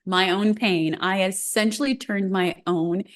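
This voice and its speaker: A woman guest, a functional medicine doctor, telling her story in an energetic, quick and emphatic way. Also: medium pitch. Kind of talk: energetic storytelling interview talk.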